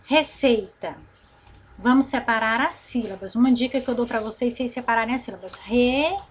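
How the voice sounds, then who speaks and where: A woman's voice: on the high side, a little hiss or hum. Brazilian teacher woman drawing out syllables. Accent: Brazilian Portuguese. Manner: slow, drawn-out repetition of syllables, frequent "né?" and "tá certo?" check-ins. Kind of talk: recorded online grammar lesson.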